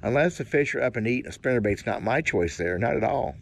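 A man's voice: mid-range voice, expressive, fast, vocal fry. An older man, musing in a folksy, rambling way while sitting in a kayak in a swamp. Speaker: fishing vlogger. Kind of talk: casual outdoor musing. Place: kayak in a cypress swamp, outdoors.

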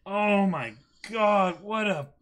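Sitting high and fairly bright, this twenty-something man's voice moves slowly as he reads a manga aloud with drama and then chats casually in reaction. He's the host, filming in a small indoor room with a plain backdrop.

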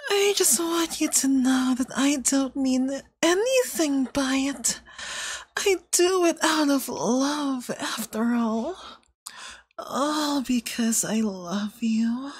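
Voicing a manipulative young femboy yandere boyfriend for ASMR, a woman uses a high, soft, breathy voice. Her cloying coaxing hints at menace, and she comes across as sweetly manipulative.

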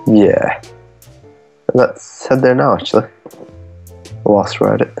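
Gravelly, low man. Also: takes it slowly, a little mellow, faint music behind. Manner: dry, teasing banter. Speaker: let's play co-host. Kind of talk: casual gameplay chat.

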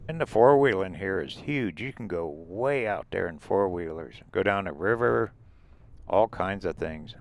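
In a low, gravelly voice and at a slightly slow pace, a man vlogs his RV trip from inside a vehicle crossing the desert. He rambles casually and calls out the sights as he drives.

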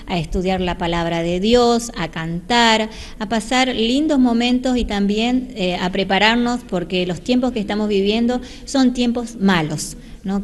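A woman in her forties giving an earnest local TV interview in a church hall, speaking into a handheld mic and inviting people in. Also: mid-range voice. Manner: earnest, inviting, slips into preaching. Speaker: church volunteer. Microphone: handheld reporter mic.

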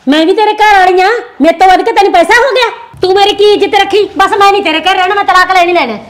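A woman playing a proud, angry young village wife with a Malwai Punjabi accent. Her voice is high and her words come fast, curt and scornful. She talks down to her husband and does not back off. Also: fairly bright tone. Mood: defiant. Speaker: wife in a village family drama. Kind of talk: amateur village drama acting.

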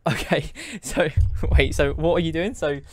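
A man's voice: a little high, expressive, moderate pace. A man narrating as game master of a tabletop game, often repeating words as he describes scenes.

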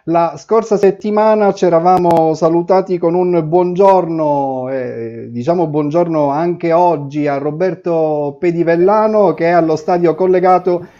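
A man's voice: on the high side, unhurried, hardly any pauses, dark tone, dull audio. A man in his thirties hosting a live pre-match football show from a studio, chatty and hesitant with many fillers. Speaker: studio host. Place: TV studio set.

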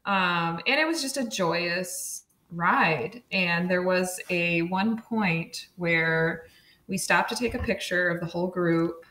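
A woman talks through a relaxed interview, her voice a little low and full of easy laughter and filler words. The room is echoey around her. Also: slow pace. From Oregon, USA. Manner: chatty, laughs often, many fillers. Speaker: podcast guest, street-safety advocate. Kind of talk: casual interview chat.

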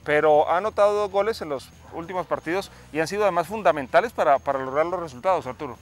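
A man's voice: a little high, fast talker. A Colombian man hosting an outdoor football discussion and going through analysis with his partner. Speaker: sports show host. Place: outdoors at night. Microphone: lapel mic, speaking through face mask.

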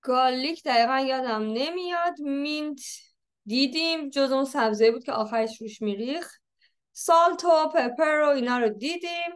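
A woman teaching an English textbook lesson, reading English lines slowly and explaining them quickly. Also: high-pitched. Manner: switches between slow read-aloud English and quick explanations.

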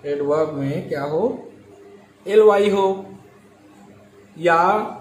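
A male teacher explaining English grammar slowly, repeating key words and drawing out his examples. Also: sits high, darkish tone. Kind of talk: grammar lesson. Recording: echoey room with faint ambient noise.

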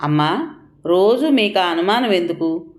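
A woman's voice: lowish voice, expressive, unhurried. A woman voicing a meek, pleading young wife. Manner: soft, pleading, timid.

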